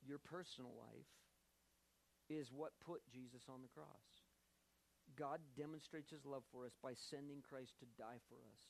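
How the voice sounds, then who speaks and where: A man preaching a sermon as pastor, earnest and emphatic, slowing down to stress key phrases. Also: medium pitch, fairly even intonation, vocal fry, low-quality recording.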